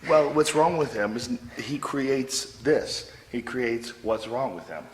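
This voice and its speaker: Loud joking man with a mid voice. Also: medium pitch, slow pace, in a large hall, rough recording. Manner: loud, joking, swears freely. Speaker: podcast host. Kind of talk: casual backstage chat. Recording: faint background noise.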